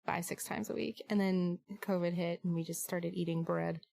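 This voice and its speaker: A woman's voice: lowish voice, fairly even intonation, moderate pace, gravelly, mellow, dry recording. Chatty woman podcast co-host. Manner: chatty, laughing. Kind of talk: casual chat.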